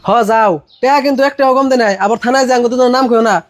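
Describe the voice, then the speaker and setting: A man acting an excitable, timid village farmer in a comedy drama, indignant and quick. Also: very high-pitched. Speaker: neighboring farmer.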